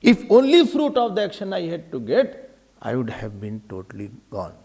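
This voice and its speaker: A man's voice: fairly high pitch, huge pitch swings, normal speed, vocal fry, warm tone. A man with an Indian accent giving a spiritual discourse, emphatic and repetitive, asking rhetorical questions and slipping in Hindi phrases. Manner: mixes Hindi phrases into English.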